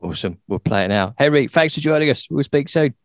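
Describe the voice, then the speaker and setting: A man's voice: mid-range voice, animated, fast, no echo, clean studio sound. Man, casual radio host. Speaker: radio and podcast interviewer. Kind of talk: casual chatty radio hosting.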